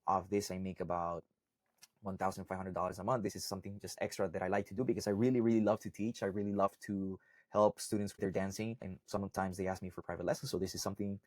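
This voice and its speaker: A young man from Costa Rica who teaches salsa chats to camera in a casual explainer, regularly checking in with "right?" and "okay?" His voice is low and a little mellow, heard as clean studio sound with no room sound.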